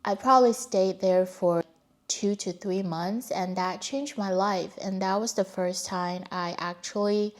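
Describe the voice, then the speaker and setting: In a personal storytelling vlog, a young woman from China reflects openly on her life, speaking with a Chinese accent as a native Mandarin speaker. Her medium-pitched voice keeps a fairly even intonation and a measured pace.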